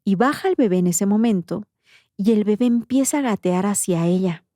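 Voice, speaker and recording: Una presentadora de podcast con acento mexicano que narra de forma coloquial y expresiva, con voz de timbre apagado y cálido. La grabación es seca, de micrófono de estudio. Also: female voice, medium pitch, moderate pace, no room sound, clean studio sound. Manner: slangy, animated retelling. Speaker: podcast host. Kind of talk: casual storytelling.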